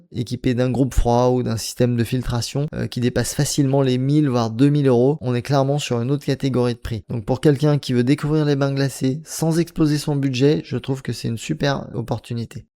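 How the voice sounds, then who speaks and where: A mellow-voiced man talks through a product review. He explains things plainly and informally, at a medium pitch, as if walking a viewer through it step by step.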